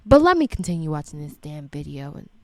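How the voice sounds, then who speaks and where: A woman's voice: deep voice, very animated, fast. A woman giving indignant reaction commentary as an educator, swearing freely and firing off rhetorical questions. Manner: indignant, profane ranting.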